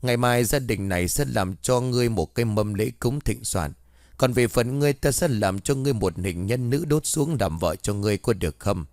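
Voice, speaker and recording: A man's voice: mid-range voice, a little fast, darkish tone, no echo, clean studio sound, close to an everyday voice. A man voicing an elderly woman exorcist who commands a ghost sternly. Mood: commanding.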